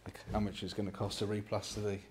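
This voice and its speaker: A British man in his forties casually explains things to camera for a property vlog, filmed indoors in an empty house on a phone at arm's length. He talks fast in a lowish, slightly mellow voice with a level tone, over slight background noise.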